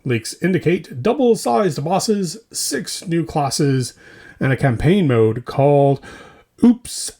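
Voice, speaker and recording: In a slightly high, animated voice that's a little mellow, this man takes things slowly as he reads a comedic scripted roundup of wargaming hobby news. The podcast mixes punchy, tongue-in-cheek news bits with mock commercials.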